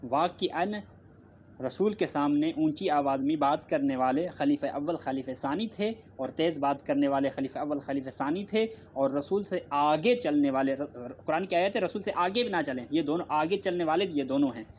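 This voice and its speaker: A man's voice: on the high side, darkish tone. A man answering in a formal religious debate, hammering each point home by repeating it and leaning on citations. The recording is dull and lo-fi, with a faint hiss underneath. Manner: repetitive, emphatic, cites scripture and hadith.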